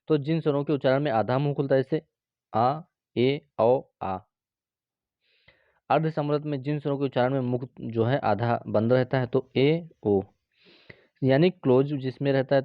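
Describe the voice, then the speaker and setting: A man teaches a grammar lesson for exam preparation, pausing often to sound out letters slowly. His voice sits at an ordinary pitch, recorded close and dry with slightly muffled, lo-fi audio. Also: dry recording. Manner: explains step by step, sounding out each letter slowly; drawn-out demonstration sounds with frequent fillers. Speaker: Hindi teacher.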